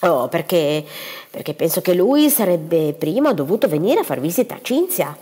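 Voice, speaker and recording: A woman's voice: fairly low pitch, sing-song, normal speed, warm tone, slightly rough. Woman reading as a vain self-pitying mother. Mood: plaintive. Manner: affected and plaintive. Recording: long reverberant room.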